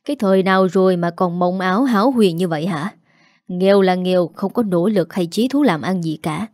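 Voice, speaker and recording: A stern old village father, scornful and scolding, from a spoken story read close and dry, as a woman reads him. The tone stays mellow and warm, and the room adds no echo. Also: fairly low pitch, fairly quick, lightly acted.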